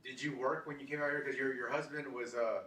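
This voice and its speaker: Roomy, off-mic male interviewer, bright voice. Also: mid-range voice, fairly even intonation, fast talker, distant mic. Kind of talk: casual interview questioning. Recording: roomy, off-mic, faint background noise.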